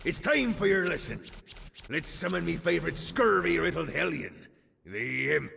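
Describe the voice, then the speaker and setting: Blackbeard, a gravelly pirate captain. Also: male voice, a little high, sing-song, normal speed, sharp tone, a little hiss or hum, exaggerated voice. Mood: swaggering. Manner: theatrical pirate talk, calls listener matey. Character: boastful gravelly male pirate captain in hell. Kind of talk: video game dialogue. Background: game music.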